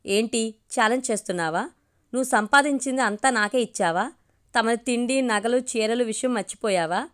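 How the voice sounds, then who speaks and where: A woman's voice: on the high side, moderate pace, a bit bright, close to an everyday voice. A woman voicing a proud, sneering middle-aged husband in a storybook reading, talking in a mocking, scornful way.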